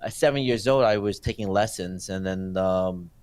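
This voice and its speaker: This guest is a filmmaker in his forties who was born in Thailand and grew up in New Jersey, and he shares his life story in a relaxed interview. He has a deep, slightly mellow voice and stumbles along with lots of fillers and false starts. There's no echo on the audio.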